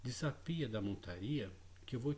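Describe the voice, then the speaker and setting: A man voicing an old male spirit who speaks through a horseman in slow, formal, old-fashioned speech. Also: mid-range voice, lively intonation, a little mellow, close to an everyday voice. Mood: solemn.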